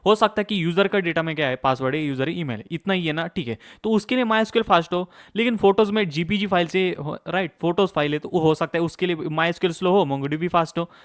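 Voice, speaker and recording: A young man teaching a tutorial with a slightly raised voice. He talks quickly and casually, mixing English tech words into his speech and pausing often to check that the listener follows. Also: fairly high pitch. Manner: fast-talking, mixes English terms into Hindi, frequent "okay, theek hai" check-ins. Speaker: course instructor. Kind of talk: casual screen-share tutorial.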